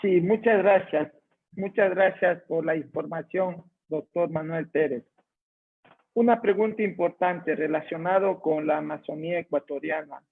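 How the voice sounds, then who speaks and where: A man's voice: fairly high pitch, unhurried, vocal fry, slightly rough. A man moderating a webinar, politely and formally reading out audience questions over a tinny video call line.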